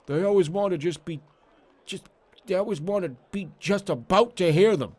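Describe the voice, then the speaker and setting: A man's voice: high-pitched, moderate pace, darkish tone, pitched above the performer's own voice. Man voicing a plaintive, squat little fortune-teller creature. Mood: sly, apologetic. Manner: hesitant, plaintive, evasive, repeating himself. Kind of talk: game character dialogue read aloud.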